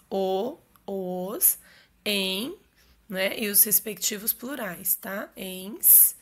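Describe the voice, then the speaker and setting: Female teacher voice for a recorded lesson, measured and explanatory, keeps checking that students follow. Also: mid-range voice, fairly bright tone. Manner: explanatory, checks in with frequent "ok?" and "certo?". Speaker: Portuguese teacher. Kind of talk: recorded online grammar lesson.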